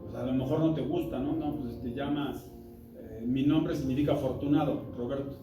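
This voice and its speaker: A man's voice: mid-range voice, normal speed. A man teaching an interactive church Bible lesson, talking in an emphatic, conversational way and quizzing the listeners. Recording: roomy hall, distant mic, music behind.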